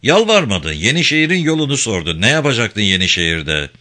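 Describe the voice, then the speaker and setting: A man voicing a jovial, gold-toothed middle-aged stonemason in a Turkish audiobook, speaking low and teasing. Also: sing-song, a little fast, sharp tone. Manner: teasing, paternal, low-pitched.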